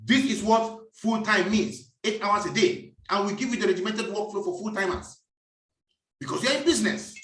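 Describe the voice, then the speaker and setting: A man's voice: high-pitched, normal speed, a bit bright, far from the mic. A man giving a preachy, emphatic business talk and repeating his key phrases. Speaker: business speaker. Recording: echoey room, voice off-mic.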